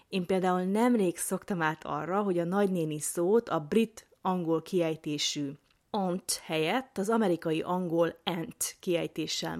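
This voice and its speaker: A woman's voice: fairly low pitch, gravelly, darkish tone. A young woman, a Hungarian speaker, giving friendly, direct advice on English pronunciation to the listener. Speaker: English teacher. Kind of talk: casual explainer to camera.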